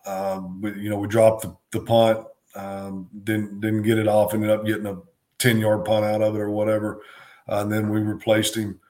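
A middle-aged man, a former football coach, co-hosting a sports talk show, talking in a halting way with many ums and restarts. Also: on the low side, completely flat delivery, a little mellow.

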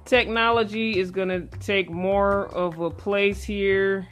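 A woman's voice: medium pitch, fairly even intonation, slow. A woman hosting a casual conversational interview in a folksy, earnest way, her voice slightly muffled by a face mask. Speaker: host. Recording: music playing behind the voice. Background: guitar music.

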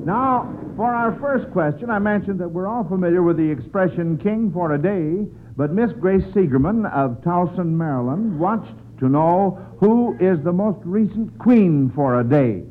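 A man's voice: high voice, expressive, a little slow, hardly any pauses, a little hiss or hum. An American man hosting a quiz in the style of a 1940s radio announcer, on an old broadcast recording. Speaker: quiz show host. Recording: tinny band-limited old radio recording.

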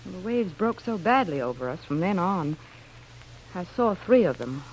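Her lowish voice is very animated and moves at a moderate pace as she earnestly narrates in a noisy vintage radio recording. It's 1940s radio acting: she plays a plucky young wife, shipwrecked, who is telling a cover story.

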